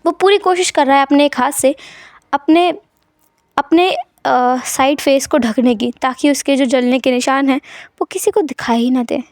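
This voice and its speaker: Woman narrating a fan story, high voice, dry close sound. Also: moderate pace, no room sound.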